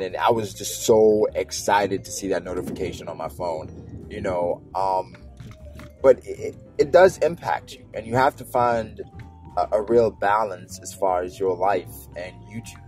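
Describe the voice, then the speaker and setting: Man, low voice, casual car vlog, rambling restarts, faint music behind. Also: a little mellow. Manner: rambling, many restarts and fillers. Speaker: anime YouTuber. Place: driving in a car. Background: faint background music.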